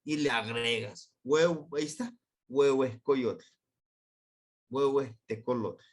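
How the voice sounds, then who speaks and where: A man with a Mexican accent teaching a Nahuatl language lesson in an unscripted, explanatory way, his voice leaping up on key words. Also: takes it slowly. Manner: patient, explanatory, voice leaps high on key words.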